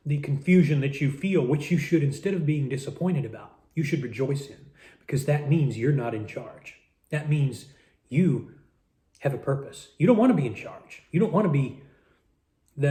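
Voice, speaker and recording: Man, vlogger type, warm low-key voice, musing monologue while eating, echoey room. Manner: musing, talks with mouth full, repeats words. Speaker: vlogger eating a meal on camera.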